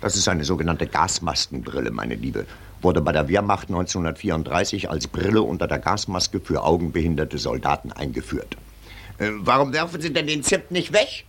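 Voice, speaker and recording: An older actor playing a pompous, condescending military colonel in a 1940s radio drama, lecturing in a blustering, patronizing way. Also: male voice, sits low, very animated, brisk, gravelly, a bit bright, husky, exaggerated voice.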